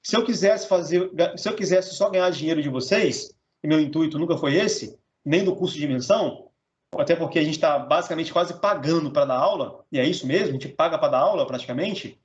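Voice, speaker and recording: Male teacher, high voice for a man, blunt and profane, dull muffled recording. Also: a little fast. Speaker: Portuguese teacher. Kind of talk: informal recorded lesson.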